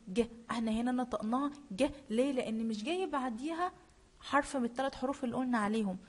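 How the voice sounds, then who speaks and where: A woman French teacher with an Egyptian Arabic accent, slowly spelling out letters and repeating sounds, switching between French and Arabic. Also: on the high side, a little mellow. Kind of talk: classroom lesson.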